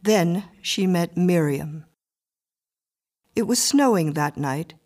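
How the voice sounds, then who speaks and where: Woman narrating a story, measured. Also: fairly low pitch, animated, a little mellow.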